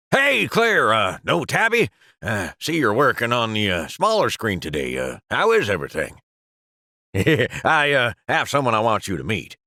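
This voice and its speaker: A gravelly, bright-voiced mentor pen from a cartoon. He swoops widely in pitch as he coaxes and teases, calling everyone lad. The sound is close and dry. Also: wildly swooping pitch, unhurried, no room sound, heavily acted. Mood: flustered. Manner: jokey, calls others lad and laddie. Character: older male pen, calm, teasing office mentor. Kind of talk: animated cartoon voice acting.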